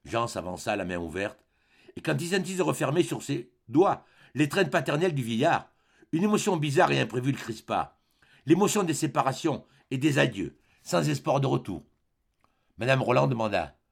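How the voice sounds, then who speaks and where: A man reading a classic novel aloud as an audiobook narrator, in measured, expressive storytelling. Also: mid-range voice, creaky, slightly rough. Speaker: audiobook reader.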